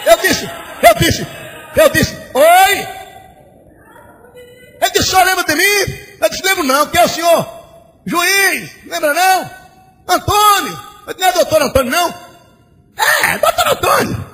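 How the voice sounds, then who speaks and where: High-voiced preaching man, shouting in a reverberant church. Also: animated, moderate pace, long pauses. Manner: preaching with sudden shouts and sing-song cadence, acting out dialogue. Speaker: pastor. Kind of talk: sermon. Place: large church. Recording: old church recording with long hall reverb and faint hiss.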